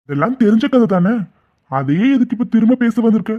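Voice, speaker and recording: A man's voice: sits high, expressive, a little fast. A man voicing a proud, stubborn, wealthy middle-aged father who talks in a scornful, dismissive way. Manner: scornful, dismissive, turning to sharp alarm. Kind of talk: Tamil cartoon voice acting. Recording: tinny phone-like lo-fi audio.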